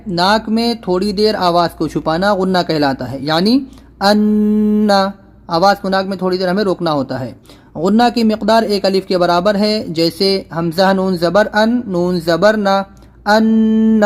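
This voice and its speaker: A man teaching Quran reading step by step, patiently repeating letter spellings slowly and firmly. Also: high-pitched. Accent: Urdu. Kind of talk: step-by-step recitation lesson.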